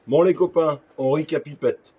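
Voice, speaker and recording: Husky-voiced joking man giving fishing tips. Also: a little high, moderate pace, highs cut off. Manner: joking, crude, chatty asides. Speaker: fishing vlogger. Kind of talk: casual gear advice vlog.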